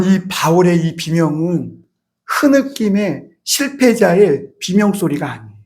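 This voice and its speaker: High-pitched emotive male pastor preaching. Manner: emotive, rising to shouts on key lines; addresses the congregation often. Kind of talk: Sunday sermon. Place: church sanctuary.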